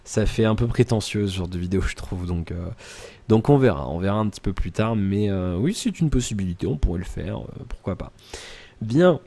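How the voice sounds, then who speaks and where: Rambling French-speaking man, soft mellow voice. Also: on the low side, animated, a little fast, creaky. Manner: rambling, many "euh" fillers and restarts; addresses the viewer informally. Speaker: YouTuber answering viewer comments. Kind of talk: casual daily vlog chat.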